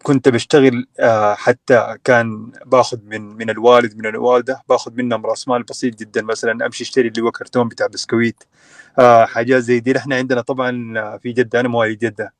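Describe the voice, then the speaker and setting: A man's voice: medium pitch, flat delivery, very fast, no room sound. A young man from Sudan telling his story as a guest in a casual online chat, with many fillers and restarts. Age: young adult.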